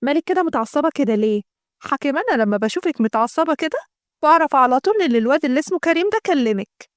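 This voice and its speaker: A woman's voice: high voice, expressive, very fast, no echo, clean studio sound, voice pushed up. A woman voicing a young Egyptian woman lecturing her sister about reputation. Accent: Egyptian Arabic. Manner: lecturing, moralizing.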